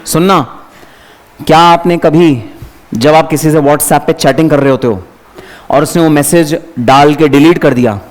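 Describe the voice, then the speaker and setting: Guy teaching a revision class, lively and chatty, kinda high-pitched. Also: unhurried. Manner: lively, chatty, addresses students by name, mixes English terms. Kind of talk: exam revision lecture to students.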